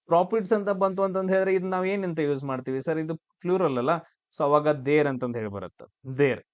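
A man's voice: on the high side, a little fast, no room sound, dull audio. A man teaching exam grammar, asking and answering his own questions. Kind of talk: classroom-style grammar lesson.

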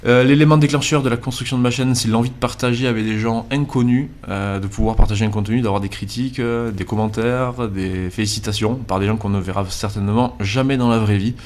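A man in his twenties from the Landes in southwest France, with a southwestern French accent. He talks earnestly over gameplay, often pausing on "euh", recorded on a basic cheap microphone. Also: fairly low pitch, fairly even intonation. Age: 20s. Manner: earnest, hesitant with frequent "euh" fillers. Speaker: YouTube gaming channel host.

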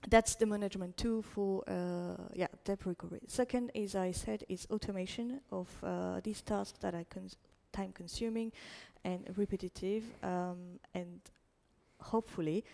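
A young woman presents her startup at a tech meetup, speaking into a headset microphone. Her voice is mellow and mid-pitched, and she pauses often with fillers. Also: fairly even intonation, creaky. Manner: hesitant, many fillers. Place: stage in front of a projected slide.

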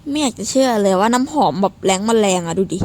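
A woman giving casual gameplay commentary, excitable and playfully swearing, squealing at her game. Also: mid-range voice, fast. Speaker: game streamer.

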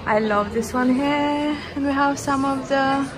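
This fashion vlogger, a young adult, speaks in a high voice and a little slowly as she enthusiastically gushes to camera about shopping. She's inside a large department store and boutiques. Crowd noise, store bustle, and music fill the background.

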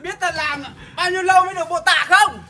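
A man loudly scolding a younger relative in a heated family argument outdoors. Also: very high-pitched, steady tone, fast. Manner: loud, scolding, blunt. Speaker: relative and prank target. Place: outdoor courtyard. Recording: echoey yard, far from the mic, music behind.

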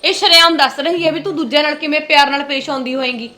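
Give me a woman playing a lecturing elder sister-in-law, high and fast-talking. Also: bright, forceful tone. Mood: scolding. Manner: lecturing, scolding tone. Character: stern elder sister-in-law scolding the young wife. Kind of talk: village family short-film acting.

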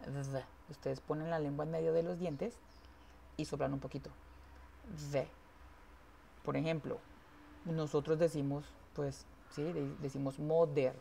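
Woman english teacher, low gravelly voice, drags out words to show how they sound, bit of background hiss. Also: dark tone. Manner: repeats words slowly to model pronunciation; switches between English and Spanish. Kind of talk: online English class.

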